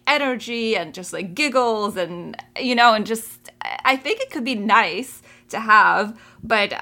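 Bright-voiced chatty woman. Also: mid-range voice. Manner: chatty, many "like" fillers, animated quoting. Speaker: podcast co-host. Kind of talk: casual chat.

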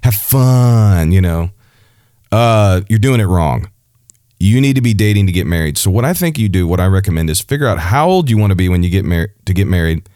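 A man's voice: deep voice, animated, a little fast, dark tone, no echo, clean studio sound. A man giving earnest dating advice from a church perspective in a casual, conversational way, with frequent fillers and restarts. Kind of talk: casual religious advice talk.

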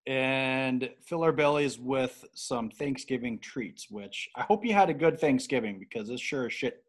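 A man's voice: mid-range voice, unhurried. A man from the northern US with a mild Minnesota accent, bantering casually as a podcast host.

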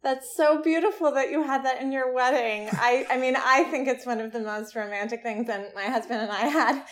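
A woman's voice: high-pitched, normal speed. A woman author giving thoughtful, articulate interview answers with a lighthearted touch.

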